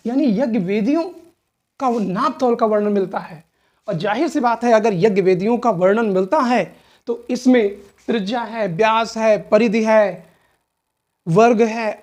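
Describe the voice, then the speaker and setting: A woman with a north Indian Hindi accent gives an exam-prep history lecture. Her voice sits a little high. She poses questions, answers them herself and repeats the key terms, often tagging on "theek hai na". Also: a little mellow. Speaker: history teacher.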